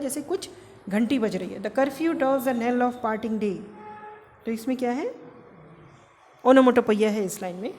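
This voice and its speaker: A woman's voice: a little high, a little mellow, big-room sound, slight background noise. A woman lecturer with an Indian English accent explaining to her class in Hindi and English, asking questions and answering them herself. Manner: explains step by step, asks and answers own questions.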